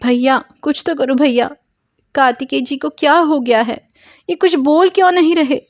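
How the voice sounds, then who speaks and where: A gentle, devoted young woman who speaks respectfully and pleads in tears, as a woman storyteller voices her. Her voice sits mid-range, recorded close and dry with no room sound. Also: medium pitch, moderate pace, no echo, highs cut off, close to an everyday voice. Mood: pleading. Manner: soft and respectful, then pleading through tears.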